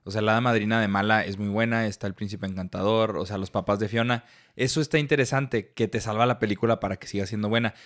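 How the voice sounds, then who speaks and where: A man's voice: fairly low pitch, fast. A man with a Mexican accent co-hosting a podcast in casual, slangy chat. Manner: animated, slangy, quotes lines in funny voices. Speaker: podcast co-host.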